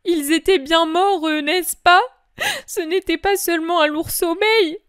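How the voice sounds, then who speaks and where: In a dramatic religious reading, a woman voices the grieving mother of Jesus, pleading, imploring and sobbing in a breaking voice. Her very high-pitched, fairly bright voice moves at a measured pace, captured as a dry, clean studio recording with the pitch pushed up.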